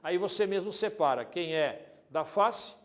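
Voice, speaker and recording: A man teaching an anatomy video lesson, lively and joking, speaking straight to the student and swinging between loud and soft. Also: sits high, a little slow. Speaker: exam prep teacher.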